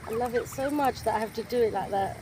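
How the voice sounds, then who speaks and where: A woman's voice: on the high side, fast. A woman chatting casually and cooing to young animals in an affectionate, playful way, often repeating words. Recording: very noisy outdoor recording with birds honking.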